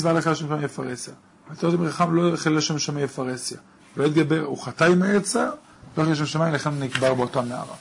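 A man with a gravelly, somewhat husky voice and a slightly raised pitch teaches a daily Talmud page. He reads the old text aloud, then explains each phrase in plain words.

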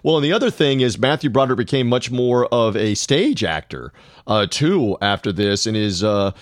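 A man's voice: medium pitch, lively intonation, normal speed, dry recording, studio quality. A man co-hosting a casual movie podcast, rambling with lots of hesitation and a sarcastic edge. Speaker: podcast co-host.

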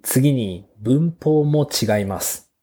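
A man hosting a beginners' Japanese lesson podcast, speaking slowly and simply with small fillers. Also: medium pitch, animated, warm tone. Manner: slow, clear teacher's delivery with fillers. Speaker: podcast host teaching Japanese.

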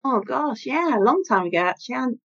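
Animated, high-voiced woman, slightly dull recording. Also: quick pace, slightly rough. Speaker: podcast guest, priest in training. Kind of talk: casual, giggly chat.

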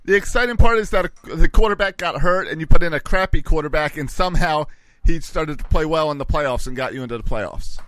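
A man's voice: a little high, a little fast, fairly bright tone, no room sound. A man co-hosting a sports podcast, talking in casual, argumentative banter.

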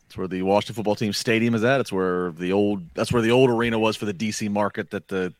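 A man from Maryland co-hosting a casual wrestling chat, relaxed and full of trivia. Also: fairly low pitch, fast, no room sound. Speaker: podcast co-host.

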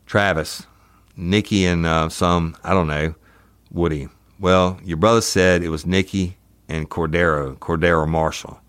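Very deep man reading a police interview transcript. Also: steady tone, unhurried, a bit bright, clear, resonant tone, dry recording. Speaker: host, former police detective.

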